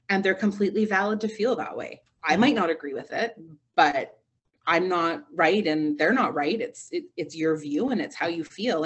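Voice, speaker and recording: Husky woman telling stories animatedly. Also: on the low side. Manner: animated storytelling, acts out quoted voices. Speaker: radio morning show host, interview guest. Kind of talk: casual interview conversation.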